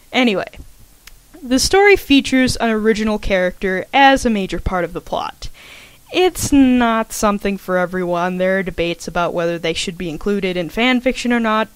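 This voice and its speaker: A young adult woman who writes fan fiction reads her own casual scripted commentary aloud. She's chatty and self-deprecating, occasionally tripping over her words, and her medium-pitched voice is recorded with no echo.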